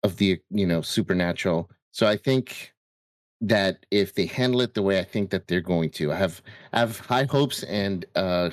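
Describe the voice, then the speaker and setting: A man's voice: deep voice, moderate pace, no echo. A man co-hosting a podcast, sharing his thoughts in casual discussion. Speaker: podcast co-host.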